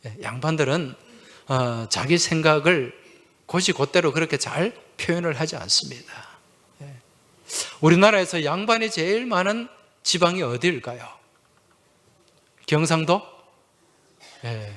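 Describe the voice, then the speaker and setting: A man's voice: a little high, animated, measured pace, long pauses, fairly bright tone. A male pastor delivering a Sunday sermon in a slightly raised voice. He keeps it conversational, putting questions to the congregation and answering himself with a short "yes". Humorous anecdotes come easily to him.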